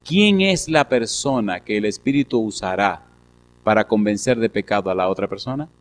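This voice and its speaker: A male pastor preaching a sermon, telling stories and acting out the people in them, moving between hushed storytelling and loud preaching. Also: lowish voice, expressive, moderate pace, a little hiss or hum. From Costa Rica. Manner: storytelling, acts out quoted voices, swings from hushed to loud preaching.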